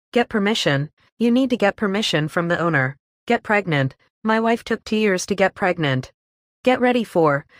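Lady reading vocab phrases one by one, slow and even, dry close sound. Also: mid-range voice, no echo. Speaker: English teacher. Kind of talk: reading vocabulary list with example sentences.

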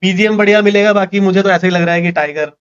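A young man with a slightly high voice, trading jokes and opinions in casual chat. He sits at a desk mic in a small room, and the recording sounds a little dull and muffled. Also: fast, clean tone. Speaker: reaction video co-host.

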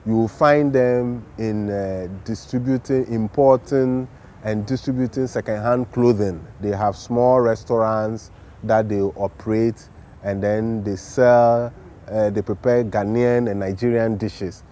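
A man's voice: on the low side, steady tone, unhurried, warm tone. A man speaking formally and with measure in a documentary interview about foreign residents using a facility.

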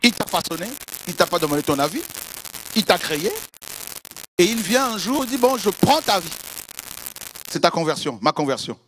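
Man preaching, animated and theatrical, high and lively voice. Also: normal speed, long pauses, a little hiss or hum. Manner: animated, acts out prayers and dialogues with God; swings between loud exclamations and hushed low asides. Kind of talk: sermon.

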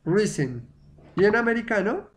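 A Spanish-speaking man teaches English in an online lesson, repeating words over and over so learners can drill them. His slightly high voice swings widely in pitch, and he speaks slowly and deliberately.

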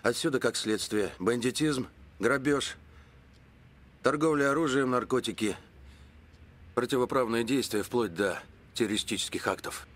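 A man's voice: mid-range voice, normal speed, long pauses, fairly bright tone, lightly acted. An actor in his forties playing a grave, earnest police official giving a formal briefing in a film drama. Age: 40s. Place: indoor office.

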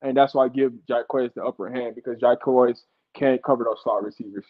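A man's voice: medium pitch, fairly even intonation, brisk, phone-quality sound. A man giving football analysis as a guest on a sports talk show, explaining insistently and repeating himself to drive his point home.

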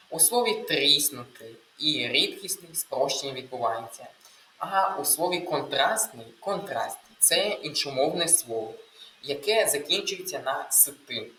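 A man teaching an exam prep lesson with a bright, forceful tone. He explains patiently and leans hard on key sounds and syllables. His voice carries in a roomy, echoey space. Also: on the high side. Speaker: language tutor.

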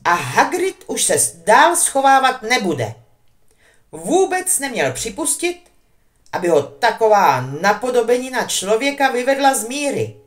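A woman voicing a fierce, indignant teenage witch girl who talks loud and heated. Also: a little high, very animated, pitched above the performer's own voice. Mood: furious.

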